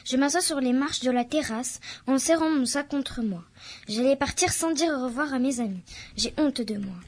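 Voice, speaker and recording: A female reader with a high, light voice reads a novel excerpt aloud at a moderate, even and careful pace, raising her pitch further whenever she voices the characters' quoted lines.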